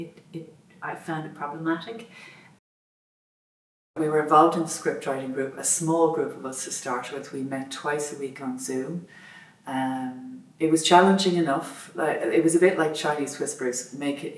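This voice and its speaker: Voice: medium pitch, roomy sound, recorded from a distance, low-quality recording. An adult frankly and wryly recounting difficulties in a collaborative scriptwriting group. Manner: frank, wry, with restarts. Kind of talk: candid interview reflection.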